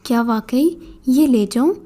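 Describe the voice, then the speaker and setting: A woman's voice: a little high, warm tone, natural voice. A woman voicing a desperate, unlucky poor young man who pleads and sounds confused. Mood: pleading.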